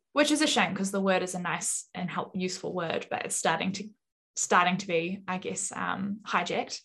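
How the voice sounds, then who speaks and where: A woman's voice: medium pitch, a bit bright. Articulate young New woman. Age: young adult. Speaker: podcast guest. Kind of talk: casual interview talk.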